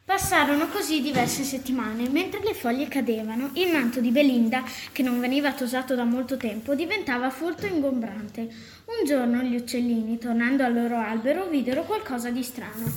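A woman reads a children's story with clear, expressive narration, her voice a little high. The recording is echoey, with faint noise underneath. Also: brisk.

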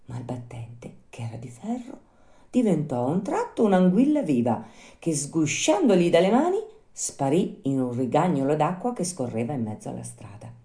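A woman reading a children's story aloud, with expressive, lively storytelling. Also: deep voice, normal speed. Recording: roomy echo.

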